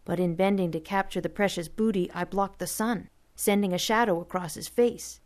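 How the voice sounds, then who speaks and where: A woman's voice: on the low side, steady tone, normal speed. Woman narrating a story steadily. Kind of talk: audiobook narration.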